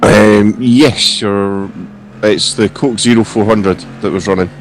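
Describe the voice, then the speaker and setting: A man with a croaky, hoarse voice giving casual live motorsport commentary. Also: on the low side, steady tone, slow pace, slight background noise. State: hoarse from coughing. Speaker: sim racing stream commentator.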